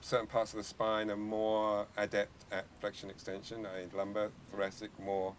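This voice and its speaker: A man in conversation, posing halting questions about yoga practice and anatomy with frequent restarts. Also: fairly low pitch, monotone, slight background noise. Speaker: yoga teacher asking questions. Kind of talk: conversational interview.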